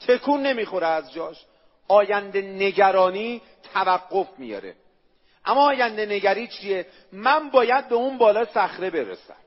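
A man preaching a sermon, emphatic and repetitive, asking the listeners rhetorical questions and reciting Arabic phrases. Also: high-pitched. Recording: echoey hall, dull lo-fi sound.

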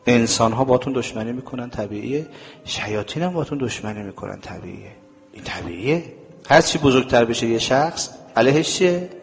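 A man's voice: medium pitch, lively intonation, gravelly, big-room sound, soft background music. A man preaching a sermon to a live audience. He speaks emphatically and keeps asking questions that he then answers himself. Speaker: religious preacher.

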